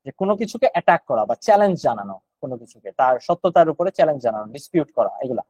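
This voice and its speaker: A man's voice: on the high side, big pitch swings, rapid-fire, a little mellow, dry recording, lo-fi sound. A man with a Bangladeshi accent teaching GRE vocabulary online, explaining words one at a time and thinking aloud.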